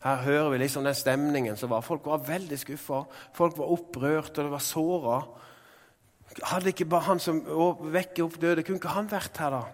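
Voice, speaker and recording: Man, preacher, sermon, fairly high voice, chatty with fillers, builds to loud proclamations, long hall reverb. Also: steady tone.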